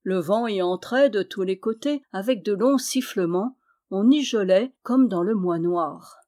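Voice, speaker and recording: A woman storyteller reading a folk tale aloud in a measured, expressive way. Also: medium pitch.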